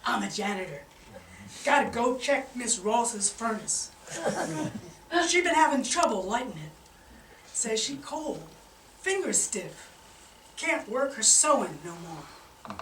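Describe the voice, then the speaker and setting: A woman's voice: a little high, big pitch swings, slow pace, pauses often, a bit bright, a little hiss or hum, full character voice. A woman doing a sly drawling cheat of a husband. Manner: laid-back drawl, folksy dialect. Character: sly smooth-talking husband, a charming cheat. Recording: roomy hall, far-off camera.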